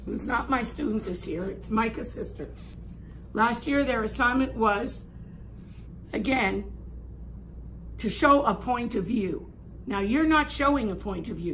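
A raspy, hoarse-voiced woman in her sixties teaches an art lesson indoors, now and then fading toward a whisper as she lays out an assignment. Her pitch is a little high and her tone fairly bright, with lively intonation, an unhurried pace and frequent pauses, and she asks "okay?" to check on students while staying instructive and emphatic. The audio, from a camera a few metres off, is poor, with clear room noise.

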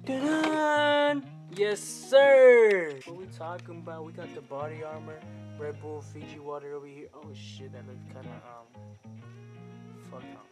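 High-voiced young man vlogging casually. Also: level tone, moderate pace, over music. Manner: loose, cursing, joking banter. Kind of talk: casual vlog chatter.

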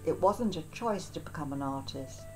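A woman artist speaking in composed, clear statements in an interview. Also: low voice, animated, normal speed, faint music behind, low-quality recording. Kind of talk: interview monologue.

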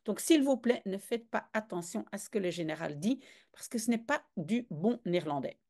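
A woman's voice: mid-range voice, lively intonation, normal speed, warm tone. A woman giving a casual reading lesson, translating a comic aloud in a chatty, explaining way with frequent hesitations. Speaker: reader and language teacher.

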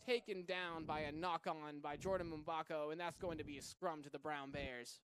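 A man from Massachusetts calling a live rugby match play by play, with energetic delivery that surges to shouts on big runs. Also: a little high, moderate pace, a little hiss or hum. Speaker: play-by-play commentator.

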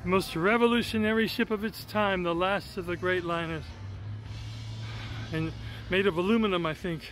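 A man's voice: sits high, fairly even intonation, normal speed, fairly bright tone, faint music behind. An older man chatting casually as he films himself walking a waterfront pier, thinking aloud as he goes. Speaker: vlogger. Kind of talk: casual walking tour narration. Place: outdoors on a city waterfront pier. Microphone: handheld phone camera at arm's length. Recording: phone video outdoors with clear street noise. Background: city traffic and outdoor noise.

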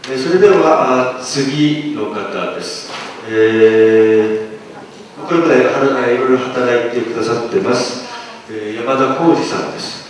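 A man's voice: medium pitch, brisk. Hesitant Japanese man announcing in an echoey hall. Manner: hesitant, searching for words. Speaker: event announcer. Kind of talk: halting live announcements. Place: hall, indoors. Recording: echoey hall from far off, noisy.

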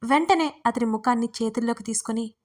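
A woman narrating a romantic audio story in an expressive, emotional way. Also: on the high side, fast.

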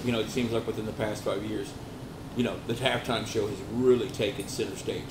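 A man co-hosting a cigar lounge podcast, talking with a cigar in his mouth, rambling with many pauses. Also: medium pitch. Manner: rambling, hesitant, lots of uh and you know. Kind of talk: casual sports chat. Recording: echoey room with loud background noise.

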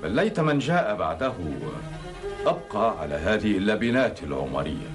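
خليفة تقي متواضع، بنبرة شديدة التموج. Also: male voice, lowish voice, very animated, fairly quick. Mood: grave, humble. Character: pious, humble, firm caliph in his prime. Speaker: actor in a historical TV drama. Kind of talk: classical Arabic historical drama acting. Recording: dated TV drama soundtrack with music.

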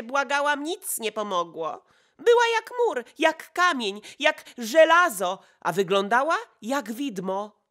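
Excitable gossipy society lady, breathless and exclaiming, voiced by a woman reading an audiobook. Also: high voice, pitched above the performer's own voice, exaggerated voice. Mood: agitated, exclaiming.

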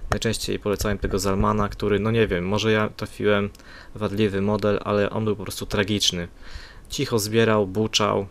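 Talking into a USB condenser desktop mic, an amateur gadget reviewer offers an off-the-cuff product review. His lowish voice stays level at a moderate pace, and his delivery is hesitant and plain-spoken.

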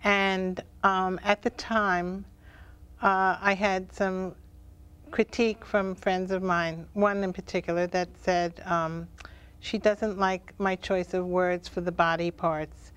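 Reflective and deliberate, with drawn-out phrases, a woman author chats casually as a guest on a live talk show. Her voice sits on the low side with a level tone, clear and resonant with a bit of brightness.

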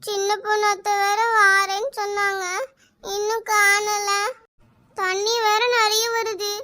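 A woman voicing a small, frightened girl in a cartoon, crying and calling slowly for help. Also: extremely high pitch, completely flat delivery, bright, forceful tone, heavily acted. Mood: scared.

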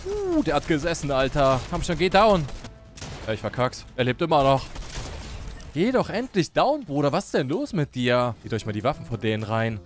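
A man giving joking Let's Play commentary, playacting a lazy beer-bellied Thor and exclaiming often, with game music behind him. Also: mid-range voice. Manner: excitable, frequent "oh, oh" exclamations. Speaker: gaming YouTuber.

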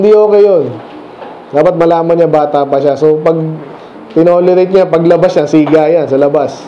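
A man preaching a sermon as pastor, asking the congregation questions and reading scripture slowly before explaining it casually. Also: a little high, dark tone, muffled recording, a little hiss or hum. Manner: reads scripture slowly, then talks fast and casually.

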